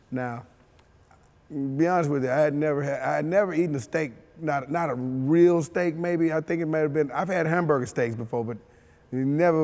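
In a studio with a dark backdrop, a former football player from Mississippi relates his life story during a sit-down interview. His medium-pitched voice carries a big-room sound, and his manner is relaxed and chuckling, with many a "you know."

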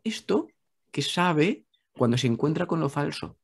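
A man with a Spain Spanish accent, a guest talking calmly about spiritual ideas, repeating phrases and asking rhetorical questions. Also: on the high side, a little slow, vocal fry, husky. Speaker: guest speaker. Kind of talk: reflective spiritual talk.

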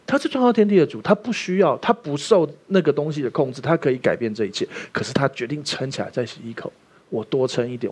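A man preaching a sermon as pastor, emphatic and often asking the listeners questions. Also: fairly high pitch.

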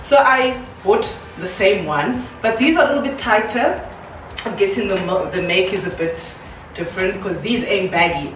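A woman's voice: mid-range voice, lively intonation, normal speed, far from the mic, a little hiss or hum. A woman, chatting casually and giggling through a try-on haul at home, talking in a loose, rambling way full of fillers. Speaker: fashion vlogger. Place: room at home with a mirror, moving around. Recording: roomy, off-mic, faint music behind.

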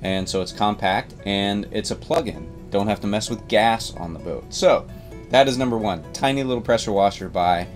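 A man's voice: lowish voice, moderate pace, faint music behind. Easygoing middle-aged man in a boat cabin. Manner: easygoing, rambling, self-amused. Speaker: boat captain and channel host. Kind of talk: casual product rundown. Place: inside a boat cabin with big windows.

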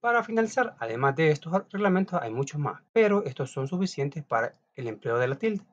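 A man's voice: a little high, big pitch swings, brisk. A man teaching a class, reading out notes in a chatty way with frequent restarts and small asides. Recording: dull lo-fi recording.

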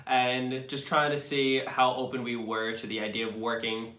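A man's voice: mid-range voice, normal speed. Laid-back young man in echoey room. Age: young adult. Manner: relaxed storytelling, laughs often. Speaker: vlog co-host. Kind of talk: casual chat to camera. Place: small indoor room, seated.

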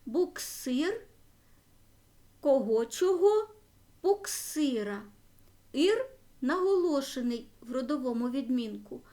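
A woman teacher with a high voice leads a grammar lesson. She talks slowly and with care, setting out each word form for the class to write down. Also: darkish tone. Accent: Ukrainian. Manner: slow, careful dictation of word forms.

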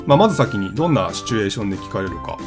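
A man talks to his viewers as a travel vlog host, his pitch moving up and down freely. He explains in a relaxed, chatty way and fills pauses with small hesitations. Faint music plays behind him. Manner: chatty, conversational with frequent fillers. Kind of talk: casual explanatory vlog talk.

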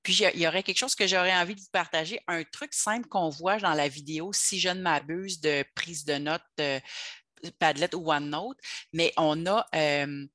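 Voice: medium pitch, normal speed, bright, forceful tone, dry recording, clean studio sound. An adult with a Québécois French accent leads an online workshop, explaining tools step by step in a chatty way over a video call. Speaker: workshop leader for teachers.

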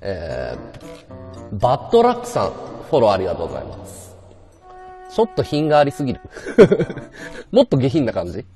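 A male livestreamer chatting casually with viewers, blunt and slangy. His pitch leaps up and down very expressively, and quiet music plays underneath. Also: huge pitch swings, normal speed, pauses often. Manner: blunt slangy banter, reads viewer comments.

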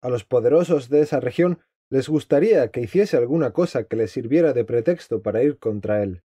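A man voicing a nobleman who asks his counselor for advice, in a measured, formal storybook reading. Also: mid-range voice, animated, mellow, slightly rough, no room sound. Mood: concerned. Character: count seeking advice, male nobleman. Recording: dry, slightly dull lo-fi.

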